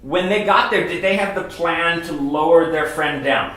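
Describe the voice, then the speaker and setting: A man preaching a sermon, telling a story in short phrases and pausing for his interpreter. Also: a little high, a bit bright. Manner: storytelling, pauses line by line for the interpreter. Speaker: guest pastor. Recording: very echoey church hall.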